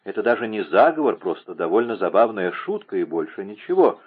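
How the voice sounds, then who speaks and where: Мужчина-чтец озвучивает холодного, язвительного короля с низким голосом. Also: male voice, fairly low pitch, sing-song, fairly quick, husky. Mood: cold, mocking. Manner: cold, sarcastic. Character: cold, mocking young king. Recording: narrow phone-like lo-fi sound.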